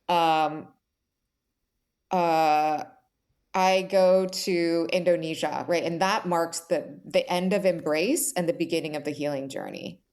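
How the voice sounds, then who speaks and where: A woman with a fairly low voice appears as a guest author in a conversational interview, speaking candidly about her story. She tells it with real animation, acting out the thoughts she quotes and leaning on "like" and "right?" again and again. She even calls herself intense.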